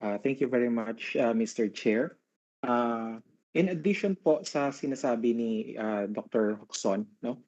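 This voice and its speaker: A man with a Filipino accent speaks in a polite, halting, formal way, at an ordinary middle pitch. His voice comes through a remote video call with dull, lo-fi sound, and the connection is choppy and keeps breaking up. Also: lively intonation, a little mellow. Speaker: resource person at a hearing. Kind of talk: formal testimony.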